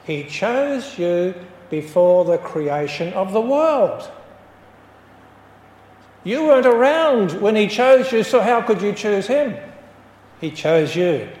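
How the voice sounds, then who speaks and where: Slow, high-voiced preacher in an echoey church. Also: male voice, expressive, a little mellow. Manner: storytelling, measured and emphatic. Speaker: pastor. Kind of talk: sermon.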